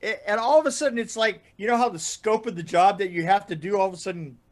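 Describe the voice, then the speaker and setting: Calling in by video from an indoor room, a middle-aged man with a high-sitting voice, a storyteller and regular podcast guest, relates casual anecdotes. He's animated, laughing through the tales, with halting starts and frequent repeats.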